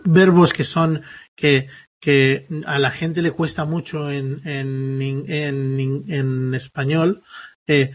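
Casting: husky male teacher, slightly high voice, patient and halting, lots of fillers. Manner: patient, explaining step by step with many fillers. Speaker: English teacher. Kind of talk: classroom grammar explanation.

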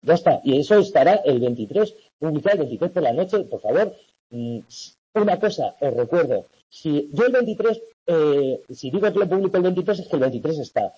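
Animated male tutor, mellow lo-fi. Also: fairly high pitch, a little fast, breathy edge. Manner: patient, repetitive, frequent "¿vale?" checks. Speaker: university tutor. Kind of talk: online class explaining coursework.

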